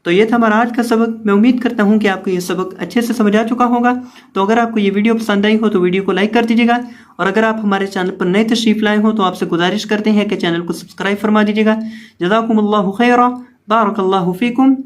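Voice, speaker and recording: A man's voice: high-pitched, fairly even intonation, fast. A man teaching Quran pronunciation, spelling out letters and vowel marks and repeating each word several times for learners. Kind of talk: tajweed pronunciation lesson.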